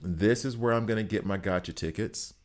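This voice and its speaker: A gaming content creator from Alabama talks viewers through a game in a casual, brisk way. He has a fairly low voice and a Southern US accent, and he repeats phrases to hammer a point home.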